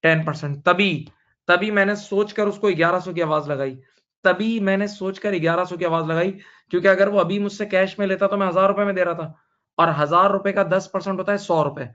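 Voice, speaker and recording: High-voiced male teacher repeating key points. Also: fairly even intonation, brisk, fairly bright tone, highs cut off. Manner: repeats key points, asks and answers his own questions; tells a story to explain. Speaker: accounting teacher. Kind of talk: classroom lecture.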